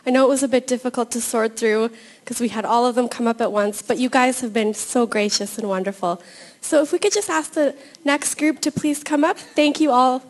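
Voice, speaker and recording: A woman's voice: a little high, fairly even intonation, a little fast. A woman moderating a panel event, effusive and gracious as she thanks speakers and calls up the next group.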